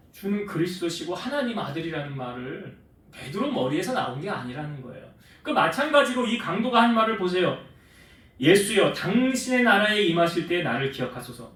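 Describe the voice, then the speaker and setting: A man's voice: sits high, fairly bright tone, very echoey, recorded from a distance. A male pastor preaching a sermon in a church, talking conversationally and putting questions to the congregation. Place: church sanctuary.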